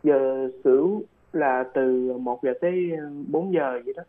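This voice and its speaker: A man's voice: mid-range voice, a little slow. A man explaining things in a casual chat, hesitant and repeating words. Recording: phone-like radio line.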